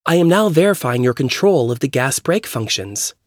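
A man voicing a calm, robotic female car computer that gives formal instructions. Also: mid-range voice, normal speed, dry recording, clean studio sound, lightly acted. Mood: instructional.

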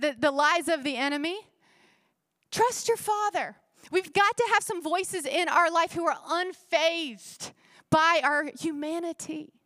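A woman pastor preaching a sermon to her church, calling out to the congregation and dropping her voice low when she acts out the enemy's whispered lies. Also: a bit bright, dry recording, studio quality.

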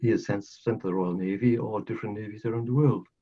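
A man's voice: fairly low pitch, steady tone, quick pace, warm tone, husky. An older man from South Wales with a Welsh accent, a podcast guest telling his life story earnestly, repeating phrases for emphasis. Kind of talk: casual storytelling interview. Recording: dull lo-fi audio.

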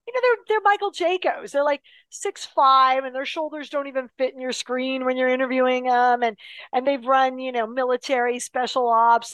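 A woman with a voice on the high side tells a long personal story, casual and animated, full of fillers and restarts. She drops her voice for the serious parts, and the recording is dry.

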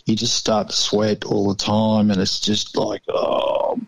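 A man's voice: lowish voice, little pitch movement, a little slow, gravelly, no room sound, rough recording. A slightly tired man with an Australian accent, chatting casually and in a laid-back way as a radio correspondent. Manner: laid-back, ends phrases with "eh". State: a little tired. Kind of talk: casual chat.

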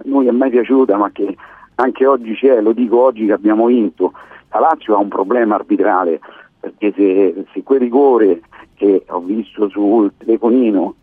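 A man calling in to a sports radio show with a hoarse voice that is giving out, voicing his opinions. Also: lowish voice, no echo. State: hoarse, voice giving out after the stadium. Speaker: phone-in caller. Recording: tinny narrow phone line.

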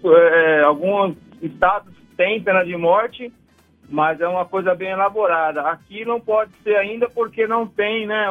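Give me a man calling in over a phone line. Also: sits high. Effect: heard over a phone line. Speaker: radio listener calling in. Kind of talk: casual call-in chat. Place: in a car in traffic. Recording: tinny phone line on radio.

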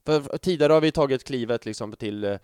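Lively man in his thirties, dry sound. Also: medium pitch, clear, resonant tone, dry recording. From Sweden. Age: 30s. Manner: animated storytelling with lots of swearing and fillers. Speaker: podcast co-host. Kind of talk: casual fan podcast chat.

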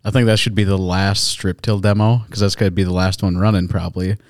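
Teasing low-voiced male co-host. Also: level tone, darkish tone, no room sound, clean studio sound. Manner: teasing, quick to laugh. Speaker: podcast co-host. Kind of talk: casual podcast chat.

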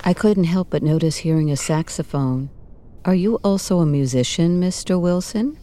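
An actress playing a coy, sultry married client in a parody noir audio drama, speaking softly. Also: female voice, lowish voice, normal speed, a little hiss or hum, close to an everyday voice. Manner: soft-voiced, coy.

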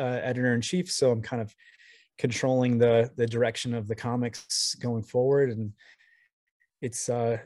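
A man's voice: mid-range voice, a little mellow, no echo. Guy on a video call, rambly, keeps restarting sentences, dry close sound. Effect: heard over a video call with a shaky connection. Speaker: guest, comics editor. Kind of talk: casual interview talk.

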